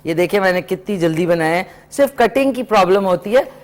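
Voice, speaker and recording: A woman's voice: mid-range voice, lively intonation, fast talker, darkish tone. A middle-aged woman, hosting a live morning TV cooking segment and chatting to viewers and callers. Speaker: morning show host.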